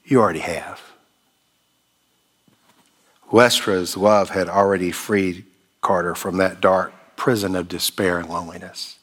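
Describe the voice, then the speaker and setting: A man preaching a sermon as pastor, measured and emphatic with long pauses. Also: sits low, flat delivery, fairly bright tone.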